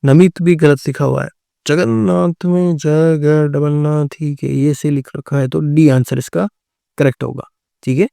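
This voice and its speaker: A man's voice: fairly high pitch, fairly even intonation, unhurried, gravelly, warm tone, dry recording, studio quality. A man teaching a Hindi exam-prep class, going through multiple-choice answers and often repeating words and answers. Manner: repeats words and answers, often says "theek hai" and "right".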